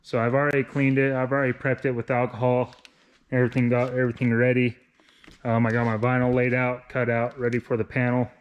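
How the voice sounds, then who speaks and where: A man's voice: medium pitch, completely flat delivery, fairly quick, highs cut off. A man in his thirties with a slight lisp from braces, casually narrating a hands-on tutorial step by step as he works. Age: 30s. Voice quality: slightly lisping speech from wearing braces. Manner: informal, explains each step as he works. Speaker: vinyl wrap installer, presenter of a how-to video. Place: indoors in a garage workshop. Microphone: camera on a tripod, a short distance away. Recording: echoey garage with clear background noise, clicks.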